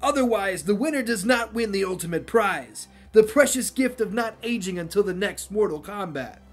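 A man's voice: sits high, expressive, moderate pace, soft background music, voice pushed up. A man voicing a sly aged male sorcerer who hosts a martial arts tournament, in a stiff, put-on delivery. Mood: smug. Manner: stiff, imitating a game character's delivery.

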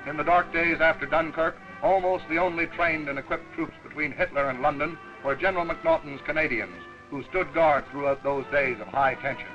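A man narrates in the brisk, declamatory manner of an old newsreel, his voice sitting a little high. The sound is dull and lo-fi, like a 1940s soundtrack. Music plays clearly behind him. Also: steady tone.

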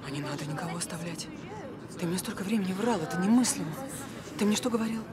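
A woman's voice: on the low side, expressive, fast talker, lightly acted. A middle-aged actress playing a hurt, strong-willed mother in a naturalistic screen drama, speaking curtly and reproachfully. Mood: angry, hurt. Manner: curt, reproachful. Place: outdoors at a bus station. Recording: clear outdoor traffic noise.

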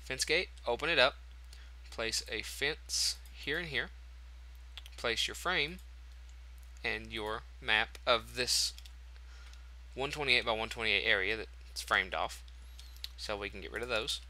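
A man's voice: mid-range voice, takes it slowly, long pauses, sharp tone, a little hiss or hum. A man hosting a casual game tutorial, chatty and thinking aloud as he corrects himself. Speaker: tutorial host.

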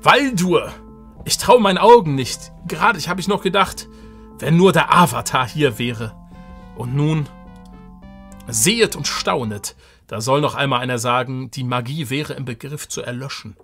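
Ein Mann, der einen überglücklichen Gefährten mittleren Alters mit altertümlich förmlicher Sprache spricht, laut und aufgeregt. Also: male voice, mid-range voice, moderate pace, soft background music, close to an everyday voice. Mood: overjoyed. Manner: excited, loud, old-fashioned formal address. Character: overjoyed middle-aged man, old loyal companion, archaic speech.

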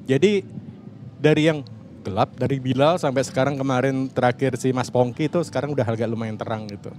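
A man's voice: medium pitch, fairly even intonation, fairly quick, noisy background. A man, a podcast co-creator explaining his camera and sound work on a panel, often restarting and searching for words. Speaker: podcast co-creator and cinematographer guest. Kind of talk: casual panel talk, explaining.

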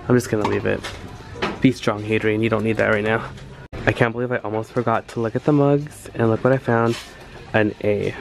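A man vlogging casually while thrift shopping, gushing over finds and talking to himself, recorded on a handheld camera in a store aisle. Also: mid-range voice. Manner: gushing, excitable, talks to himself. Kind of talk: casual vlog narration.

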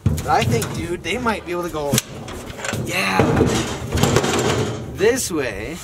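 Slow and casual, this young vlogger-host talks in slang with a fairly high voice that swings widely in pitch. He's outside in a dirt yard near garages, holding the camera at arm's length, and vehicle noise fills the rough outdoor sound.

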